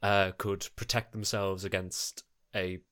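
Brief: man tabletop player, deep voice, hesitant and filler-heavy. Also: level tone, a little slow, sharp tone, clear, resonant tone.

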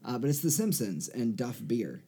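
A man co-hosting a podcast, chatting casually and easily, laughing often and pausing on fillers. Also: mid-range voice, sing-song, dark tone, husky. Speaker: podcast co-host. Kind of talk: casual chat.

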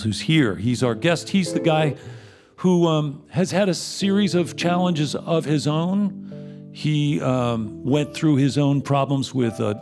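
A man hosting a live show, speaking from the stage in a conversational podium speech to introduce a guest, phrasing things haltingly. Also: mid-range voice. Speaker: host of a live music and community radio show.

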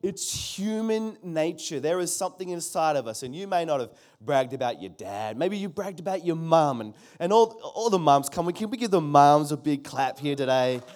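A middle-aged pastor preaches with real emphasis, circling back to his key phrases again and again and calling on the congregation to respond. His darkish-toned voice sits a little high for a man, with lively intonation, a moderate pace, and hardly any pauses.

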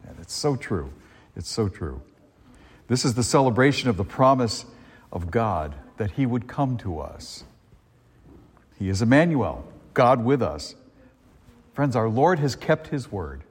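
A man's voice: medium pitch, big pitch swings, measured pace, long pauses, slightly rough. A priest reading the gospel and giving a chatty Christmas homily, often repeating and restarting his phrases, his voice ringing in long church reverb. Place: large church.

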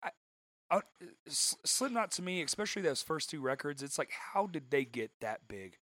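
A man's voice: on the high side, very animated, normal speed, a bit bright, no room sound, clean studio sound. A man in casual, slangy, bro-style conversation, swearing freely and peppering his talk with dude and man. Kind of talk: casual, profane chat.

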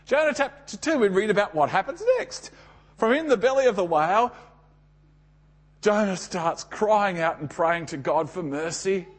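An Australian man preaching a sermon, telling the story dramatically with emphatic pauses and rhetorical questions. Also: sits high, expressive, breathy edge.

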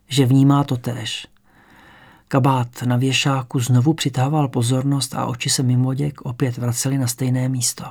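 A man calmly reading a memoir-style story aloud as an audiobook narrator. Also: mid-range voice, creaky.

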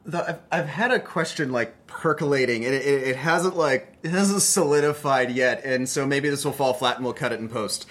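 A man's voice: mid-range voice, moderate pace, few pauses, fairly bright tone. A man with a mid-range voice hosts an easygoing conversation. He asks long, thoughtful questions, circling around his point as he works it out aloud. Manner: thoughtful, searching, rambling questions. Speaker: podcast host. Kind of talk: casual conversation.

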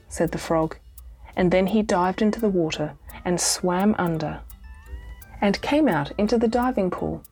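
Australian lady reading a kids story, husky low voice, soft music under it. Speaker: audiobook reader. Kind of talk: storybook narration for children. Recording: soft music bed behind voice.

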